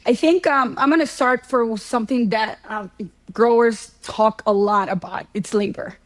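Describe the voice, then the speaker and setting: A woman's voice: a little high, normal speed, poor audio. A middle-aged woman from Ecuador, a guest professor explaining her field in a conversational interview, with ordinary fillers and worked examples. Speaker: guest, horticulture economics professor.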